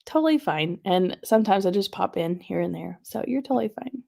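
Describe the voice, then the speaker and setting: Woman host, casual stream chat, a bit of vocal fry, reads comments out loud. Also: medium pitch, lively intonation, brisk. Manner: chatty, reads viewer comments aloud. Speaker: livestream host.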